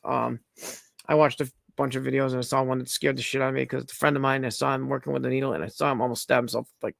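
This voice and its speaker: A man's voice: mid-range voice, creaky, dry recording, clean studio sound. A middle-aged man hosting a casual livestream, talking bluntly, rambling and swearing freely as he demonstrates things. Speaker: livestream host.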